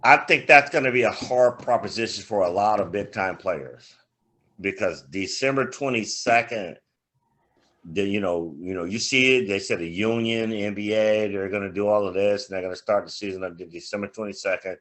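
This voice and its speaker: A man's voice: lowish voice, moderate pace. An older man co-hosting a casual sports podcast, telling stories with lots of laughter and swearing. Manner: animated, laughing storyteller, swears freely. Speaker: podcast co-host, grandfather.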